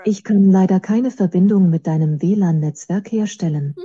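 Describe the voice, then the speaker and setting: A woman's synthetic voice assistant answering in an even, steady tone. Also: on the low side, moderate pace, husky, dull audio.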